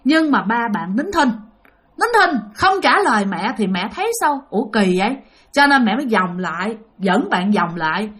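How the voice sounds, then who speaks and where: A woman narrating a ghost story in an animated way, talking straight to her listeners. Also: fairly high pitch, normal speed. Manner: animated, addresses listeners directly.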